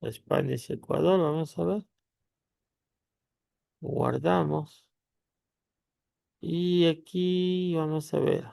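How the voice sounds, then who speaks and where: Un hombre con la voz áspera y crujiente, que explica un programa paso a paso con muchas pausas. La grabación es seca, sin eco de la sala. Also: male voice, fairly high pitch, steady tone, vocal fry, a little mellow, no room sound, studio quality. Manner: halting explanation, pausing with tag questions. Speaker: tutorial host. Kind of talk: screen-recorded software tutorial.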